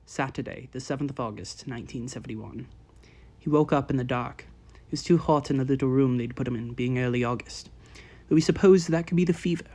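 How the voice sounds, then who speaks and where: A man narrates an audiobook at an even, measured pace, reading each sentence with care. His voice sits at a middle pitch for a man. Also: a little hiss or hum. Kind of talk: scripted narration.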